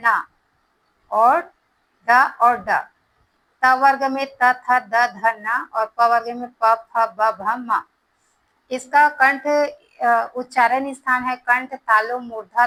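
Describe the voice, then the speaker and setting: A woman teaches a grammar lesson, explaining each point step by step. Her voice is bright and a little high. She speaks slowly and carefully. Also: poor audio.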